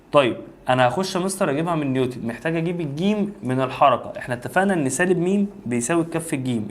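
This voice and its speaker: Fast-talking Egyptian teacher. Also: male voice, a little high. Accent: Egyptian Arabic. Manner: rapid, talks to the student as "mister", reasons aloud step by step. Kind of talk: exam review lesson.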